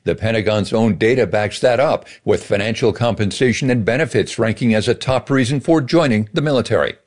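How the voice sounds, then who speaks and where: Husky-voiced male news correspondent. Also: fairly low pitch, fairly quick. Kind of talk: scripted news report.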